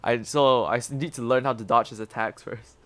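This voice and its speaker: A man's voice: mid-range voice, steady tone, a little fast, a bit bright, no room sound. A young man, rambling and laughing through casual gaming commentary as a streamer, with lots of stammered restarts.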